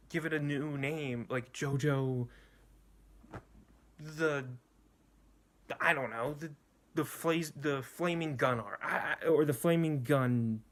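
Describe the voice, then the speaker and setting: A man's voice: on the high side, slow pace, long pauses. A young man rambling bluntly and profanely through an anime ranking, with many restarts and fillers. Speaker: anime reviewer. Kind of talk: casual ranking rant.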